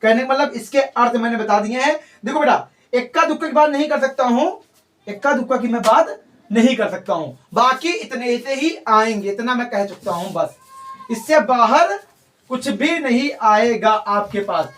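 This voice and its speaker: A man's voice: extremely high pitch, animated, normal speed, fairly bright tone, far from the mic. A male teacher giving a grammar lesson, coaxing his students, repeating his points and quizzing them with questions.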